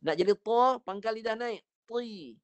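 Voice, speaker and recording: A man with a Malaysian Malay accent teaching Quran recitation online, patiently coaching a student and slowly demonstrating each sound. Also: high-pitched. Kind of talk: online Quran reading lesson.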